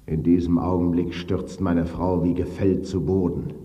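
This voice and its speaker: A man reading a dark literary story in a grave, brooding way, at times dropping to a whisper. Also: low-pitched, little pitch movement, normal speed. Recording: dull reverberant recording.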